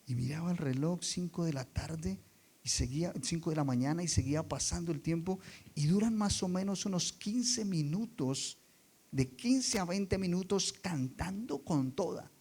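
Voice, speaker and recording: A man preaching a sermon, dropping quiet and then rising loud for emphasis, and putting rhetorical questions to the congregation. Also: fairly high pitch, normal speed, husky. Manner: expressive, swings between soft and loud for emphasis.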